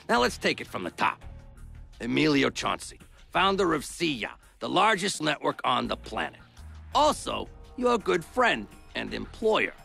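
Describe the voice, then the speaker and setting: An actor voicing a gruff, wisecracking male agent who interrogates a suspect in a video game cutscene, talking tough and sarcastic. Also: medium pitch, bright, forceful tone, heavily acted.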